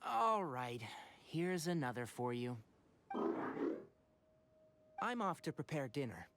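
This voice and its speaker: A man voicing a young, knowledgeable forest ranger in a video game, practical and gently wry, explaining things in an articulate, matter-of-fact way. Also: a little high, sing-song, takes it slowly, very noisy, heavily acted. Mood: calm, practical. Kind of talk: animated video game voice acting.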